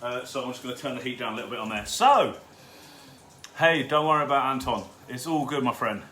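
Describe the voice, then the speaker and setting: A man's voice: mid-range voice, racing, pushed and bright. A man hosting a live cook-along from his home kitchen, chatting loosely with viewers and swearing freely. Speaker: home cooking host. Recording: roomy kitchen with background noise.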